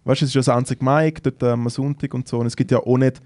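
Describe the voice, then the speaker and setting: Relaxed Swiss man in casual chat. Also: medium pitch, fast talker, no room sound, clean studio sound. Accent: Swiss German. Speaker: comedian, podcast co-host.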